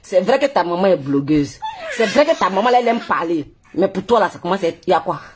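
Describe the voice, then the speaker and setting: She speaks fast and animatedly in a fairly low, slightly mellow voice with an Ivorian French accent, with a little background noise. A blogger on a Facebook live stream, she rants heatedly into her phone, mocking, scolding and laughing a great deal.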